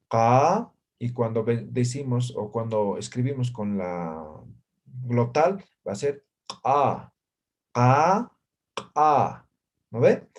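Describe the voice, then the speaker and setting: A man's voice: medium pitch, darkish tone. A man teaching an introductory language class, who keeps checking in with his students through short tag questions. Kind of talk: classroom lecture.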